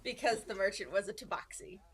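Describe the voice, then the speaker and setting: A woman in her twenties recapping a tabletop game session as dungeon master, relaxed and halting with many pauses and restarts. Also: medium pitch, background noise. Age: 20s.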